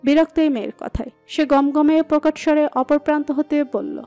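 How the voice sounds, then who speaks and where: A woman narrating a romantic audio story in a steady, expressive reading. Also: high voice, moderate pace. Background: soft background music.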